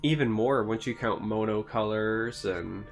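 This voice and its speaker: A man's voice: fairly low pitch, measured pace, soft background music. A man co-hosting a casual podcast, explaining game mechanics at length in an analytical way. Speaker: podcast co-host.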